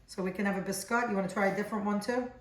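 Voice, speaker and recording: Relaxed woman walking through a cookie recipe at home, chatty, kitchen sounds roomy and echoey. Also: mid-range voice, rapid-fire. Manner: relaxed, chatty, explains steps as she goes. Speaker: home cook demonstrating recipes. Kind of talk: casual cooking demonstration.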